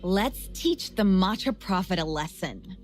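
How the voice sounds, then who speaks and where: A woman's voice: fairly low pitch, lively intonation, a little slow. A woman voicing an exasperated, nervous young female coworker who groans and stutters. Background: music.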